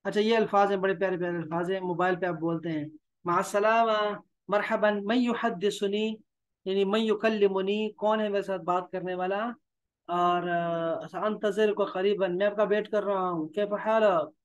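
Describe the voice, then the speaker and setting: A man's voice: high-pitched, fairly even intonation, a little fast, clean tone. A man with a Pakistani Urdu accent teaching a language class. He reads each phrase aloud, explains it, and coaxes the students with repetition. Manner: coaxing, repeats himself. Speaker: Arabic teacher. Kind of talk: classroom lesson.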